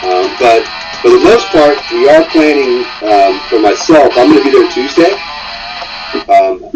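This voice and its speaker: Guy on a call, lots of ums, animated voice, kinda far off and muffled. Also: mid-range voice, measured pace. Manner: hesitant, lots of ums and restarts. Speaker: guest caller on a stream. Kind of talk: casual chat on a call. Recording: dull, distant call audio with faint music.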